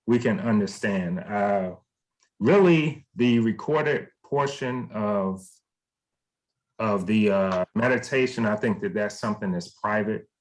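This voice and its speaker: A man's voice: lowish voice, takes it slowly, poor audio. Easygoing man guiding a meditation group. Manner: easygoing, gently encouraging. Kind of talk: casual group call hosting.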